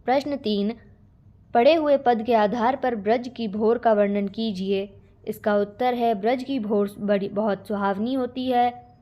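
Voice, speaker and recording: A woman's voice: a little high, fairly even intonation, a little slow, mellow. A woman teacher steadily reading out a poem explanation and answers for a school lesson.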